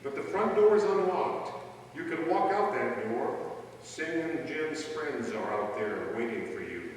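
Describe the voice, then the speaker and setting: A man playing a commanding, menacing avenger with theatrical, deliberate delivery in an old-time radio mystery. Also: fairly high pitch, expressive. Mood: ominous. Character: the Shadow, commanding, menacing male avenger of crime. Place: large reverberant room, stage rehearsal. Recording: distant echoey hall, faint noise.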